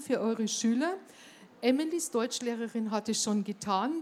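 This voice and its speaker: A woman's voice: on the high side, a little mellow, a little hiss or hum. Woman host making emphatic appeals. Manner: emphatic, appealing directly to listeners. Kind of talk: enthusiastic spoken address.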